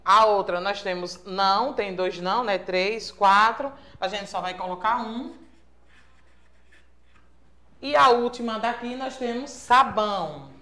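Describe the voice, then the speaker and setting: In a mid-range voice that's bright and forceful, a primary school teacher from Brazil takes things slowly during a remote lesson for young kids. Her Sergipe accent carries patient, sing-song prompts and frequent checks like "certo?", and the room echoes.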